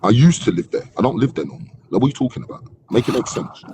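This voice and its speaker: A man with a London accent in a heated live online argument, loud and sharp, repeating himself insistently, cutting in and using slangy street talk with swearing. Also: medium pitch, animated, very fast, background noise. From Hackney, London, England. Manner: loud, sharp, shouting over others; repetitive, insistent, interrupting.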